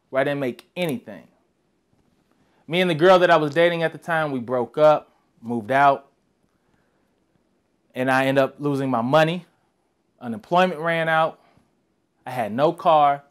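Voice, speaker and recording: A young man, a motivational speaker, telling a personal story with animated delivery and acted-out voices. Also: on the high side.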